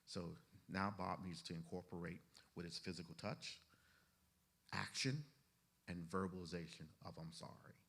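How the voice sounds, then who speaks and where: A man's voice: low-pitched, normal speed, gravelly, fairly bright tone, husky. A man lecturing a class of trainees in a conversational way, often saying "you know" and asking the room questions. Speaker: instructor teaching therapists.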